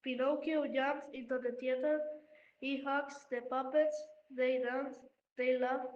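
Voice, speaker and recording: Woman storyteller, high voice, simple children's narration, dull echoey audio. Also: fairly even intonation, background noise. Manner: simple, clear and deliberate. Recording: echoey muffled room.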